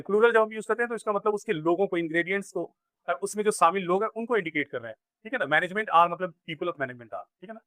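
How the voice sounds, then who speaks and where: Here a man's bright, forceful voice, on the high side, carries a step-by-step grammar lesson in Hindi. He is an English teacher who questions himself and then answers, and the audio has no echo.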